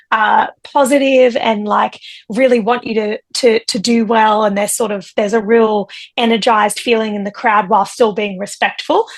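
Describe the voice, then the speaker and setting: Young Australian woman, quick chatty guest on a video call, slightly high voice with vocal fry. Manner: fast, chatty, frequent ums. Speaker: musician guest. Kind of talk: casual interview chat.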